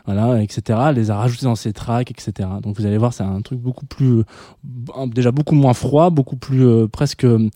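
A man's voice: mid-range voice, dark tone, no room sound, clean studio sound. A male radio host in casual late-night music chat, rambling with many fillers and restarts.

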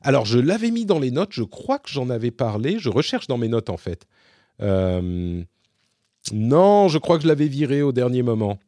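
At a moderate pace and medium pitch, a very animated male host with a warm tone rambles through a casual question-and-answer monologue, full of fillers and restarts. Studio-quality audio, no echo.

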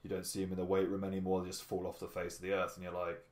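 A man's voice: deep voice, monotone, racing, darkish tone, reverberant. A man hosting a casual podcast, talking bluntly with lots of swearing and acting out imagined bits of dialogue as he rambles. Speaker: podcast host.

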